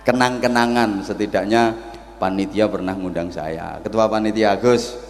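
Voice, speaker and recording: A man's voice: lowish voice, fairly even intonation, measured pace, big-room sound. A middle-aged man with a Javanese accent preaching a humorous sermon at a religious gathering, theatrical and joking.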